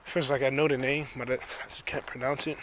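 Pittsburgh guy huffing and puffing on a park hike, bright voice, rambly and chill. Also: medium pitch, flat delivery, brisk, slight background noise. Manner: rambling, lots of "like" and "you know". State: out of breath. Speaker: vlogger. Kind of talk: casual walking vlog.

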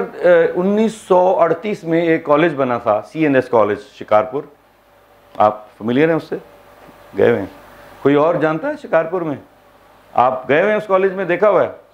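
Guy running a workshop, kinda high voice, punchy, dull lo-fi sound. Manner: emphatic, rhetorical questions, mixes English phrases into his talk. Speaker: workshop trainer. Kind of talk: workshop lecture. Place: university seminar hall.

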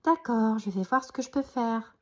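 A woman's voice: fairly high pitch, big pitch swings, moderate pace, a little mellow, slightly rough. A woman voicing a doubtful, wry young earthworm friend in a bedtime story.

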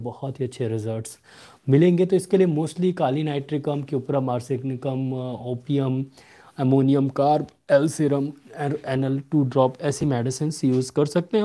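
A young man speaks at medium pitch as he hosts a live homeopathy clinic, answering viewers steadily and instructively. He reads their questions aloud at a slower pace. A desk webcam picks him up in a small home room.

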